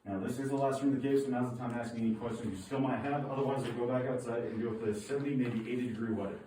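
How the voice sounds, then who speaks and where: A man's voice: mid-range voice, steady tone, racing, mellow. A man working as a cave tour guide, speaking informally and jokingly to a group, with cave echo around his voice. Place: inside a cave. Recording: cave echo, distant mic, background noise.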